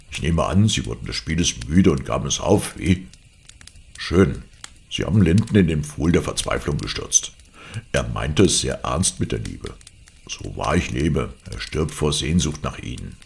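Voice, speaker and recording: A man reading an audiobook aloud, voicing a cold, threatening villain in a slow, menacing way. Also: very deep voice, vocal fry, slight background noise, full character voice.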